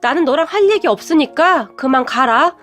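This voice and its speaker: A woman's voice: high voice, expressive, normal speed, fairly bright tone, soft background music. Woman narrator doing a cold, hurt young son. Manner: cold, blunt.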